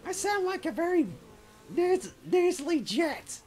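A high nasal cartoon hawk. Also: male voice, big pitch swings, unhurried, darkish tone, heavily acted. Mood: exasperated. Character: nasal, irritable young male cartoon hawk.

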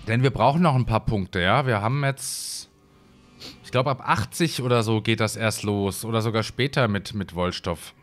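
A man's voice: medium pitch, a bit bright. A man from Hesse rambling through casual gameplay commentary at his desk mic, with lots of fillers. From Hesse, Germany. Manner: chatty, rambling, many fillers. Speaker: let's play host.

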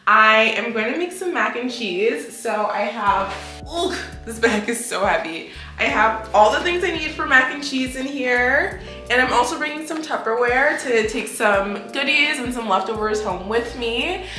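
A woman's voice: on the high side, moderate pace, sharp tone, faint music behind. A woman in her twenties vlogging to a handheld phone camera, chatty and upbeat, laughing often. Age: 20s. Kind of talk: casual vlog talk to camera. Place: on the move around the city, partly outdoors.

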